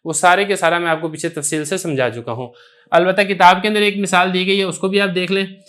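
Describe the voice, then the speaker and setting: A man's voice: high-pitched, steady tone, brisk, a bit bright. A man with an Urdu accent teaching Arabic grammar, explaining a text step by step and reciting Arabic examples.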